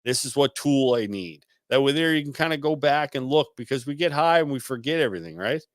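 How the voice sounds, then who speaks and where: A man hosts a live call-in stream, reading viewer comments aloud and answering in a laid-back way, swearing freely, saying "man" a lot and repeating words as he restarts. His mid-range voice is expressive and a little fast, with clean studio sound and no room sound.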